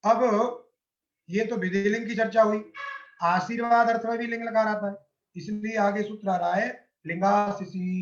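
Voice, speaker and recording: A man teaching a grammar lesson step by step, asking his class questions and answering them himself. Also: sits high. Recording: roomy, dull lo-fi sound.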